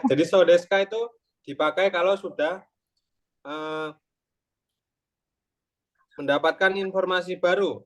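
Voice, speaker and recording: A young man with a slightly raised voice teaches a small class, explaining each point patiently. He walks through examples step by step and keeps checking that the students follow. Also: on the high side. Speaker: Japanese tutor. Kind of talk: online Japanese lesson explained in Indonesian.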